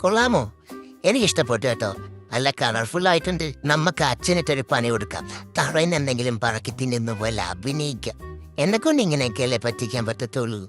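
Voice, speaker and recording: A man's voice: mid-range voice, sing-song, fast talker, fairly bright tone, faint music behind. A man voicing the inner thoughts of a cheeky, scheming toddler boy, confiding mischievously to viewers in a comic voice-over.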